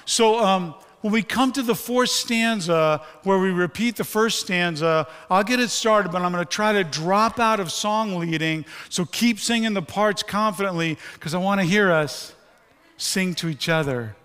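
Speaking at a moderate pace in a smooth, high, slightly bright voice, a male pastor gives a sermon to his congregation, joking and open with them despite a voice weakened after a stroke. The church sanctuary lends a long hall reverb.

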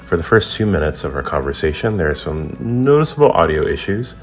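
Super deep voiced guy reading a podcast intro, faint music under it. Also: big pitch swings, fairly quick. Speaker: podcast announcer.

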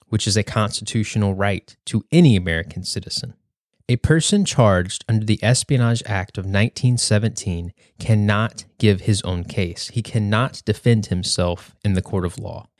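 A young man hosting a podcast, reading a prepared speech in a measured, earnest way. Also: lowish voice, no room sound, studio quality. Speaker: podcast host.

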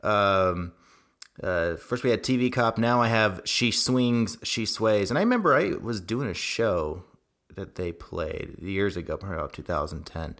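A man with a low voice hosts a music radio show in a casual style. His delivery is hesitant and wandering, full of pauses. The sound has a cave-like echo around his voice. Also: animated, fairly bright tone.

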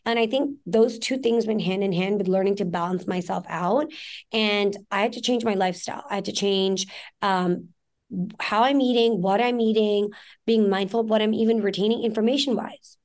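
Speaking at a moderate pace in a mid-range voice, this podcast guest is a woman in her forties raised in Pakistan. The interview is candid and conversational, and she answers frankly and at length, leaning on plenty of fillers.

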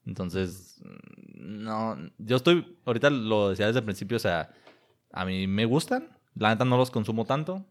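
A man making a point in casual chat, hesitant and slangy. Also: lowish voice. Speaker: podcast co-host.

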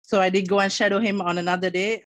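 A woman's voice: mid-range voice, steady tone, quick pace, no room sound. A young woman from Sri Lanka, an optician, telling her story earnestly in an interview, with small restarts.

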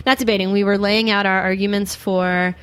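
Female talk host, mid-pitched, animated and jokey, happy to argue a point conversationally. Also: a little fast, smooth, no echo. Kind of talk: casual talk show chat.

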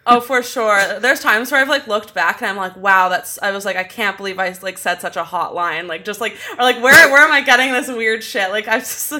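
A young woman talks as a podcast guest in a loose, casual way, packing her sentences with "like" and "um". She laughs often, and her voice is bright and forward. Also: medium pitch, brisk, few pauses. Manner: giggly, filler-heavy. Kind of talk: casual interview chat.

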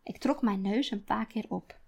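A woman author reading her own first-person story aloud, quiet and deliberate. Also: medium pitch, vocal fry. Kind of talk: storytelling narration.

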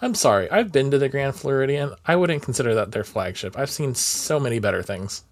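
Wry, sarcastic man, mid-pitched. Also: lively intonation, brisk. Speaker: podcast co-host. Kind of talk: casual chat.

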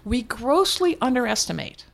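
A gravelly, slightly high, sing-song voice belongs to an older woman being interviewed as a guest, talking at a moderate pace. The exchange is candid and conversational; she's frank and reflective, with restarts and occasional laughter.

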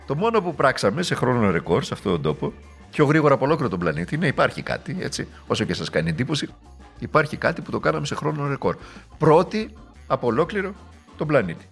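A man's voice: medium pitch, very animated, gravelly, fairly bright tone, slightly rough, faint music behind. Sarcastic man giving a political speech. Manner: sarcastic and rhetorical, mocking.

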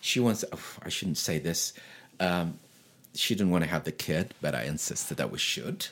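Older guy, english not his first language, low voice, tells stories all animated, does everybody's voices. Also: moderate pace. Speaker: interview guest. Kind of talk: casual storytelling.

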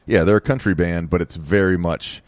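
A male podcast co-host with a low voice talks a little fast. He chats casually and rambles, using lots of fillers and restarts.

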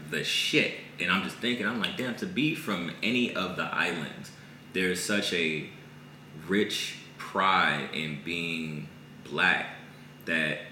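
A man with a very deep but sharply bright voice hosts a podcast in an easy, laid-back way. He talks in relaxed slang and readily agrees with his guest. The room gives his voice a clear echo. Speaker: podcast host. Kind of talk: casual conversation. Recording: echoey room with faint noise.

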